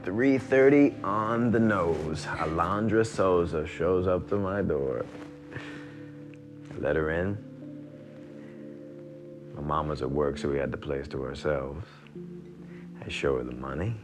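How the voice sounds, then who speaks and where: A man's voice: a bass voice, takes it slowly, long pauses. An actor playing a crude, boastful man who tells a swaggering story in a film monologue, with music under the film audio. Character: crude boastful man recounting his teenage conquest.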